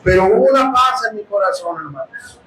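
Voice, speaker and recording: A man with a Mexican accent preaching a sermon testimony, impassioned and often bursting into shouts as he addresses his brothers. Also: high-pitched, expressive, brisk, reverberant, low-quality recording. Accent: Mexican Spanish. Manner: impassioned, bursts into shouting, calls listeners "hermanos". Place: house of prayer.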